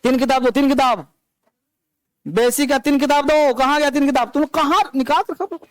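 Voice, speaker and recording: A man's voice: very high-pitched, moderate pace, no room sound. A man teaching an English class, explaining grammar and calling out instructions to his students. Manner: instructive, calls on students and drills them.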